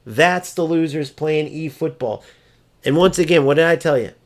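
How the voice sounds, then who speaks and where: A man's voice: fairly high pitch, moderate pace. A man ranting over gameplay footage, exasperated, profane and mocking as he vents about an opponent. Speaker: gaming streamer.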